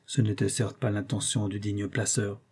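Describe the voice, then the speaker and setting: Mellow, husky male audiobook narrator. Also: on the low side, level tone, moderate pace. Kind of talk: scripted narration of a classic novel.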